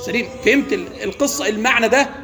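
Over music in an echoey hall with faint ambience, a religious teacher with an Egyptian Arabic accent runs an interactive lesson, posing questions and leaving his sentences for the class to finish. He talks fast, and his pitch is extremely high.

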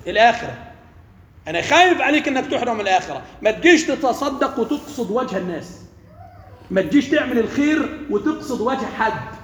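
An Egyptian-accented man gives an interactive religious lesson, asking questions and letting the class complete his sentences. His voice is very high-pitched with big pitch swings, fast and a bit bright. The echoey hall carries faint ambience and slight background noise.

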